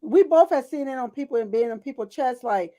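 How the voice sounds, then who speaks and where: A woman's voice: sits high, expressive, brisk, dark tone. A middle-aged woman co-hosting a casual chat, talking bluntly and emphatically, with lots of agreeing interjections. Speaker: co-host.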